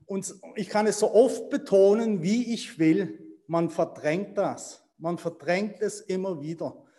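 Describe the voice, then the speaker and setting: A man preaching a sermon, reading Bible verses and explaining them with asides to his congregation, moving between quiet remarks and emphatic points. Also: high voice.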